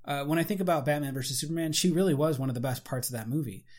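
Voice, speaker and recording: A man in casual conversation reviewing a movie, animated and full of fillers and restarts. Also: a little high, very fast.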